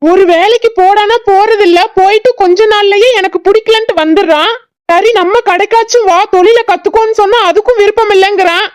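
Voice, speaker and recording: A woman voicing a grumpy old village grandfather in a cartoon, with a southern Tamil Nadu accent, gruffly scolding and teasing his family. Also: very high voice, fairly quick, no room sound. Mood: grumbling. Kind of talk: cartoon voice acting.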